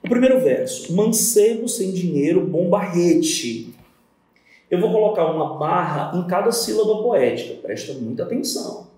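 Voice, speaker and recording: A man's voice: high-pitched, big pitch swings, moderate pace, dark tone, recorded from a distance. A man with a Brazilian Portuguese accent teaching a poetry lesson, counting lines and syllables aloud and answering his own imagined student questions. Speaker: literature teacher. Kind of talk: recorded exam-prep lesson on poetry. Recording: very echoey room.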